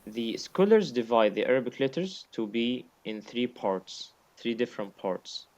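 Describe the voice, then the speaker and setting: A man's voice: mid-range voice, big pitch swings, a little slow, a little mellow. A man teaching recitation in a one-on-one lesson, patiently repeating his points and sounding out examples himself.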